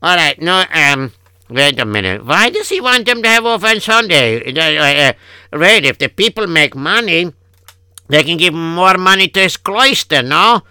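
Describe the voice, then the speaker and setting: A man's voice: fairly high pitch, sing-song, measured pace, sharp tone, clear, resonant tone, no echo, heavily acted. A man playing a fretful Yiddish-accented husband. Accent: Yiddish-inflected English. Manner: kvetching, sighing oy vey. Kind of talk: improvised comic radio story.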